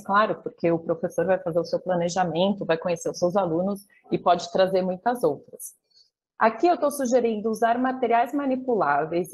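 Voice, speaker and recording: A woman's voice: mid-range voice, darkish tone, rough recording. Woman, Brazilian Portuguese accent, teacher trainer, live online class, explanatory, tag questions.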